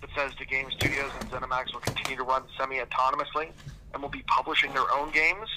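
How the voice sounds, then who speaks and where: A man heard through a phone on speakerphone, giving a calm, measured take as a guest on a casual chat. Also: mid-range voice, background noise. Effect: heard over a phone speaker. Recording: tinny phone speaker held near the mic.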